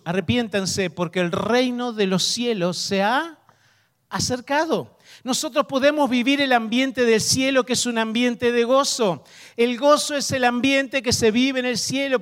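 High-voiced preacher in an echoing hall. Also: male voice, fairly bright tone, clean tone. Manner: asks the congregation questions, emphatic slow stresses. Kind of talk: sermon.

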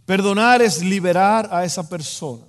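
At normal speed and in a high voice, a man from the Dominican Republic preaches with a Dominican Spanish accent. To his congregation he is emphatic and direct, leaning on repeated key phrases, with long hall reverb in the recording.

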